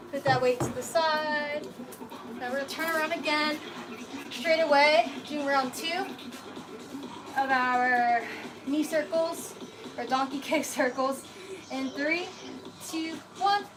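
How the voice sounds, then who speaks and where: High-pitched woman aerobics instructor over music. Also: slow, long pauses, poor audio. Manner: casual, encouraging, giving cues between counts. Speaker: fitness instructor leading a live workout. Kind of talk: aerobics instructor coaching, counting reps aloud. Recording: music playing behind the voice.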